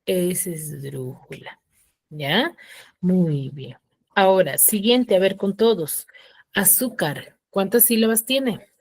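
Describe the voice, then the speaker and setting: A woman teacher giving an online class, asking patient questions and slowing down to spell out syllables. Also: mid-range voice, animated, no echo. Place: home room for an online class.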